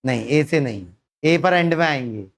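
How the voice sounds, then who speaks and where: A man's voice: a little high, expressive, normal speed, gravelly. A man teaching a physics lesson to students. He keeps asking them questions and then answers them himself. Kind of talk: classroom lecture.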